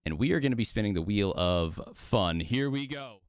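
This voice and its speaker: Hosting a livestream watch party, this man hypes up his viewers in casual, slangy bro talk laced with swearing. His voice is lowish with lively intonation and a moderate pace, but it's strained from overuse and giving out. The sound is clean, dry and studio quality.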